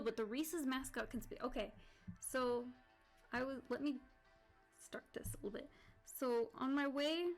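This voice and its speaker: A woman streamer chatting casually and rambling while she draws. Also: a little high. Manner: rambling, full of "like" and restarts. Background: faint background music.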